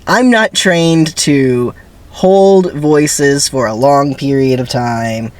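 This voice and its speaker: A man's voice: on the high side, slow pace. A man hosting a dramatic script reading, commenting in a chatty, self-deprecating way with emphatic asides. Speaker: channel host.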